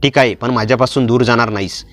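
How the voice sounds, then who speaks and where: A man voicing a quiet, earnest young man who is protective and weighed down by guilt. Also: mid-range voice, steady tone, quick pace, close to an everyday voice. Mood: grave.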